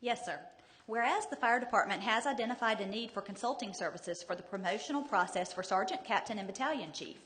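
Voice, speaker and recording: A woman's voice: fairly high pitch, fairly quick, a bit bright, slight background noise. Woman reading in echoing hall. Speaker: city councilor. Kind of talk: formal reading of a resolution. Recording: reverberant meeting hall.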